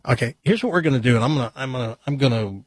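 A male radio host with a husky, mid-pitched voice talks in a blunt, rambling, conversational way. The sound is very dry and close. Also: expressive, rapid-fire, no room sound. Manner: blunt, direct. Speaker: radio morning show host. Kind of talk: rambling casual radio talk.

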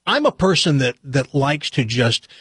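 A male radio host with a husky, mid-pitched voice talks in a blunt, rambling, conversational way. The sound is very dry and close. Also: big pitch swings, unhurried, a bit bright, no echo. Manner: blunt, direct. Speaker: radio morning show host. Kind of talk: rambling casual radio talk.

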